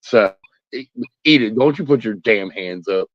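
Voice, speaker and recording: A man's voice: on the low side, expressive, normal speed, no echo. A man co-hosting a casual sports chat, blunt and profane, joking and saying "like" a lot. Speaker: podcast co-host. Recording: dry, slightly dull sound.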